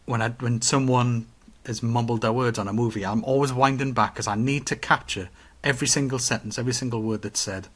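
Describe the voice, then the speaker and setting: A man's voice: medium pitch, brisk, few pauses. Chatty man. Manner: animated storytelling, acts out quotes. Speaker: podcast co-host. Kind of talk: casual chat.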